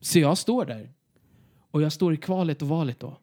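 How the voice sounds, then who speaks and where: Animated storytelling man, fairly high voice. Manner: animated, acts out his own remarks in a high voice, laughs often. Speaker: podcast co-host. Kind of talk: casual comic storytelling.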